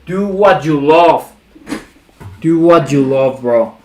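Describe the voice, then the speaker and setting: A man with a fairly high voice hosts a casual livestream at an unhurried, slow pace. He talks in hype gym-bro style, repeating short phrases and leaning on bro-speak. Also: a little mellow, a little hiss or hum, poor audio. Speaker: livestream host.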